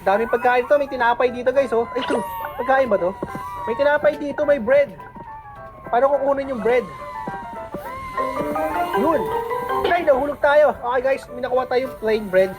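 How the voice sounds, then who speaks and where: A woman's voice: high-pitched, moderate pace, long pauses, low-quality recording. A woman with a Filipino accent hosting a gaming channel, chatting playfully as she plays and mixing Tagalog with English. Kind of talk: casual game commentary. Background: game music.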